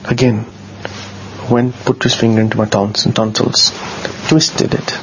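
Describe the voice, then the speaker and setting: A man with a low, bassy voice tells a personal story in a level tone, casual and earnest, often halting and repeating words. The lo-fi recording sounds dull and carries faint noise.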